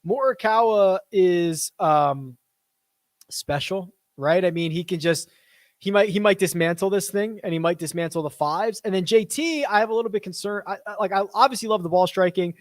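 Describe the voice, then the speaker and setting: A man's voice: sits high, moderate pace, dry recording. A man hosting a casual live stream, reading viewer questions aloud and answering off the cuff at his desk.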